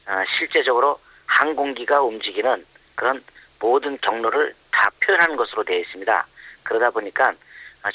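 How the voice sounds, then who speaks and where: A man whose voice is run through a disguising pitch changer gives slow, careful answers, pausing often on hesitant fillers. The altered timbre sounds very bright and edgy. The sound is dry, as if it comes over a phone line. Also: no echo. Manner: measured, with frequent hesitant "uh" fillers. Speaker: anonymous expert interviewee. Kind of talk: explanatory interview answers.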